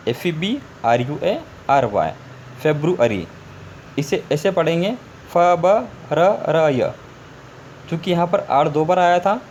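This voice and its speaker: A man's voice: on the high side, darkish tone. A male teacher giving a spelling lesson, spelling words out letter by letter and repeating them. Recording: faint background noise.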